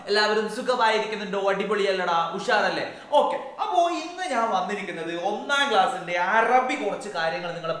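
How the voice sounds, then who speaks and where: A playful man runs an exam revision lesson for small children, and he keeps asking them questions. His voice sits high and bright. The room around him rings with a strong echo. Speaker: teacher.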